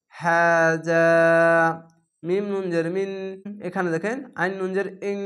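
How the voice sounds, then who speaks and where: A man teaching Quran reading, with a Bangladeshi Bengali accent, spelling words letter by letter and slowly stretching the recited words. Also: on the high side, a bit bright, clean tone.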